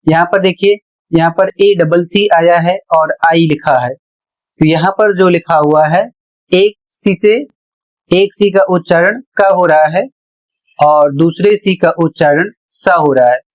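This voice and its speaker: Slow, careful woman teacher. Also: on the low side, a little mellow. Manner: spells out letters slowly and carefully. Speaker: English pronunciation teacher. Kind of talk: slow instructional explanation.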